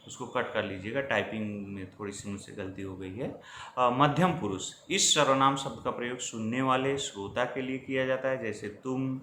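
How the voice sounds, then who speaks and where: A man's voice: medium pitch, a bit bright. A man teaching a grammar lesson over slides, explaining patiently and checking in with his students as he goes. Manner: explanatory, addresses students directly with frequent checks. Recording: echoey room with faint ambient noise.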